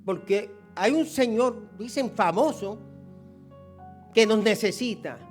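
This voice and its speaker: A pastor voicing a mother donkey who calms and scolds her foal. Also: high voice, slow pace, faint music behind. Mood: soothing. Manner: soothing, then curtly scolding.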